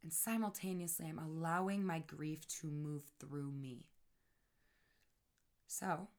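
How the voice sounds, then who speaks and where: Low-voiced woman, soft and earnest. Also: fairly even intonation, takes it slowly. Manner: soft and earnest, often dropping to a hushed near-whisper; keeps checking in with "right?". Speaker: person sharing her grief process. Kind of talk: reflective personal monologue.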